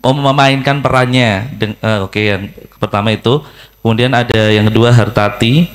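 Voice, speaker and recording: A man moderating a discussion session, brisk and informal, prompting the audience for questions. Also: mid-range voice, fairly even intonation. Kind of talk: casual moderating.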